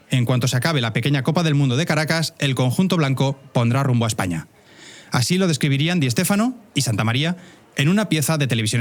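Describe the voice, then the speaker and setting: Fast-talking Spanish man narrating a podcast. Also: mid-range voice. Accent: Spain. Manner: wry, addresses listeners directly. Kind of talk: scripted narrative storytelling, conversational asides. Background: faint music bed.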